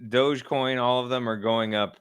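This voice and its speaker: A man's voice: mid-range voice, steady tone, a bit bright, clean tone, no echo. Wry laughing man, dry mic. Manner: wry, laughs often, quick asides. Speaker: comedy podcast co-host. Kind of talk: casual chat.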